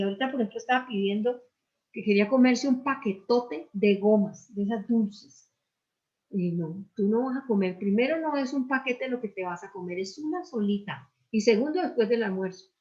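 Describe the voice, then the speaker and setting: A woman's voice: fairly high pitch, moderate pace. An older woman pastor, preaching in a conversational sermon with personal stories and rhetorical questions. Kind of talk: sermon dialogue. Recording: muffled lo-fi sound.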